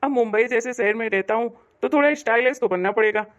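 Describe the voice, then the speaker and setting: A woman's voice: on the high side, quick pace, lo-fi sound, close to an everyday voice. A woman voicing an easygoing, stylish brother-in-law in a cartoon story, breezy and good-humoured.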